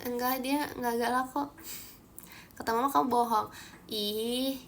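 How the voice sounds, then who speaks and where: A young Indonesian woman with a high, bright voice chats casually on a livestream, reacting to viewer comments with giggles and quick asides. She sounds close to a phone mic, with faint room noise behind her. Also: fairly even intonation. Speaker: idol livestream host.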